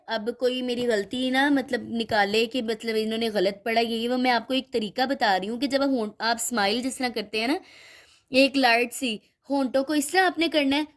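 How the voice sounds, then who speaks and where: Gentle woman teaching Quran letters. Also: on the high side. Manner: explains slowly, checks in with "theek hai?" often; models letter sounds, drawn out and repeated. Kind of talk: patient Qaida lesson for children.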